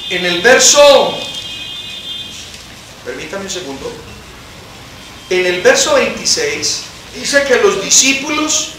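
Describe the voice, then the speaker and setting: Animated, very high, bright-voiced teacher. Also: male voice, a little hiss or hum. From Colombia. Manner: animated, questions the congregation, reads scripture dramatically. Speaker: Bible study teacher. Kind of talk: church Bible study teaching. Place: church hall. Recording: echoey church hall.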